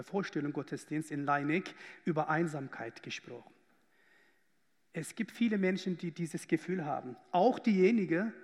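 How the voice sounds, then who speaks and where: High-voiced pastor preaching in a hall. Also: male voice. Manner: earnest, conversational preaching with hesitations. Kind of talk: sermon.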